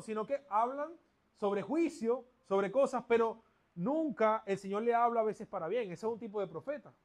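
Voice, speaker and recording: A male preacher giving a lively sermon in church, acting out a story with humor. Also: high voice. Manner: lively, playful storytelling with jokes.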